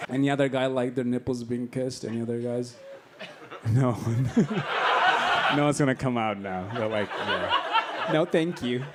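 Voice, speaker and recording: A man's voice: mid-range voice, a little slow, very noisy. A young man from Bangladesh doing a stand-up set, teasing the audience with crass, brash banter on a club stage. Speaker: stand-up comedian. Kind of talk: stand-up set with crowd work. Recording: club set with roaring crowd laughter. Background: loud audience laughter.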